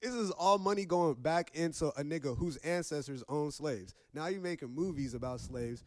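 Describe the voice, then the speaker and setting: A man's voice: fairly high pitch, moderate pace, a little mellow, no echo. Blunt, profane young man on a podcast. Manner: blunt, profane, gets heated. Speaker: podcast co-host. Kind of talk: casual podcast chat.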